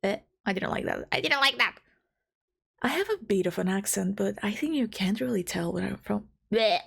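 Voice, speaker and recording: Speaking at medium pitch and normal speed, she sounds expressive, creaky, a bit bright, and slightly rough. The young VTuber from Southeastern Europe, slightly Albanian-accented and congested, talks casually to herself between takes on her home mic, frazzled and giggly, scolding herself as she restarts.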